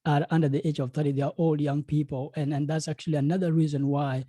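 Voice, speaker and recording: A man's voice: on the high side, little pitch movement, fast, mellow, no room sound. A young man from South Sudan, speaking earnestly as a panelist in a video call, with many fillers and repeated words. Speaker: panelist, game studio founder. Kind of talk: panel discussion remarks.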